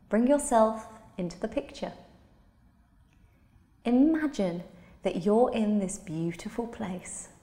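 A meditation guide leads a guided relaxation in a soft, soothing, medium-pitched voice, lingering over each phrase. Her tone is warm and mellow, and a long, roomy reverb makes it sound like a large hall.

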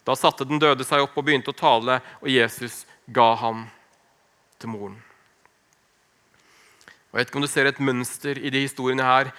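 A man preaching a sermon, earnest and emphatic, slowing down on key phrases and dropping to a hush. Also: mid-range voice, fairly even intonation. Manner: earnest, slow emphatic phrasing with wide swings in loudness.

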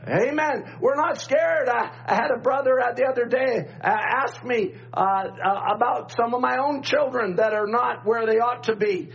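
A middle-aged pastor preaching a sermon at a pulpit microphone, repeating refrains and calling for amens. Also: male voice, very high-pitched, normal speed, vocal fry, hardly any pauses, slightly rough. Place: church sanctuary, at a pulpit microphone. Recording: dull church recording with faint hum.

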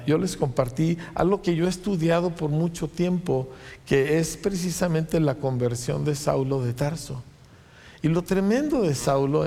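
A man preaching a sermon in a church, firing off rhetorical questions and quick asides. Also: a little high, gravelly, dark tone. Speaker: pastor. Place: church sanctuary. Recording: long church reverb.

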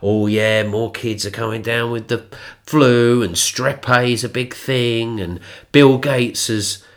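Stuffed up with a cold, this man sounds blocked and nasal as he co-hosts a casual, conspiratorial podcast chat. He speaks slowly in a steady tone, swearing and mocking, and often jumps into high mimicking voices.

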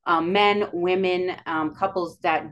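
A woman from the Dakotas with a Dakota accent, telling her own story casually and haltingly as a podcast guest. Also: fairly low pitch, steady tone, fairly bright tone, lo-fi sound. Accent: Dakota, Upper Midwest. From Dakotas, United States. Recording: clear background noise.

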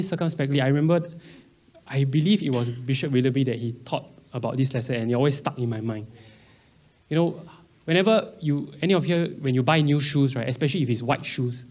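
A Singaporean man in his early thirties preaches in a conversational way. His voice sits a little higher than most men's. He slips freely into Singlish, with its particles and slang, while keeping a Singaporean accent throughout. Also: darkish tone. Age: early 30s. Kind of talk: conversational sermon.

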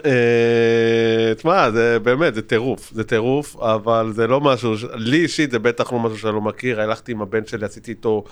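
A man's voice: mid-range voice, fairly even intonation, few pauses, clear, resonant tone. A middle-aged man who is a guest on a fan podcast, adding dry, matter-of-fact remarks in casual chat.

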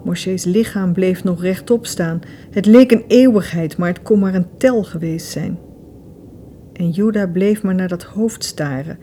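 A woman reading a novel aloud in steady, measured audiobook narration. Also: fairly low pitch, a little hiss or hum. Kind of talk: scripted narration.

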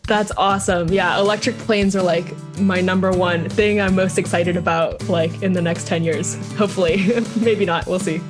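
A woman's voice: on the low side, fairly even intonation, normal speed, over music. Chatty young woman, laughs easily. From Vietnam. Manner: chatty, laughs often, many fillers. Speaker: startup co-founder, guest. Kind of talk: casual interview chat.

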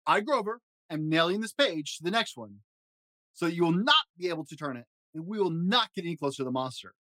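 A man's voice: a little high, animated, fairly quick, fairly bright tone, no room sound, voice pushed up, low-quality recording. A man voicing a lovable, nervous furry monster who begs and frets in a storybook reading. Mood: determined. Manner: fretful, begging, dramatic exclamations.

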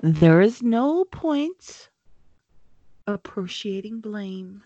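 A woman reading as a cold, smooth male wizard. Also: lowish voice, animated, no room sound, muffled recording. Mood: disdainful. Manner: smooth, measured, disdainful.

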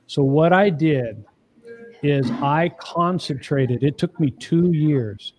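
A man's voice: on the high side, takes it slowly, a little mellow, faint music behind. A middle-aged man, a marriage coach guesting on a podcast interview, explaining things step by step in an earnest, emphatic way. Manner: emphatic, often asks the listener "okay?".

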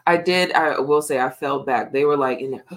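Een vrouw die als co-host van een podcast levendig en lachend over haar week vertelt. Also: female voice, rumbling low, brisk. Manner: animated, laughing, chatty. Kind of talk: casual chat.

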